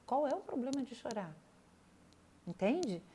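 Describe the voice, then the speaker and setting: An older woman with a Brazilian Portuguese accent, talking casually and earnestly to viewers, repeating words and pausing with fillers. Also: high voice, big pitch swings, dark tone, slightly rough. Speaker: body analysis therapist.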